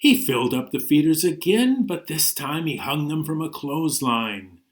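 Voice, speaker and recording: At normal speed, a slightly high-voiced man with lively intonation runs a children's storytime. This librarian reader sings and reads to young children playfully and expressively, with sudden moments of emphasis in his animated stories and songs.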